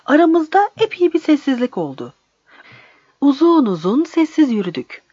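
A woman narrating a story in a slow, measured reading. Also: high-pitched, big pitch swings, warm tone, no room sound. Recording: dry, slightly dull recording.

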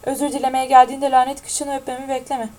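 A woman's voice: sits high, completely flat delivery, fast, mellow, natural voice. A woman reading the lines of a blunt, commanding teenage boy who speaks in curt orders. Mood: urgent.

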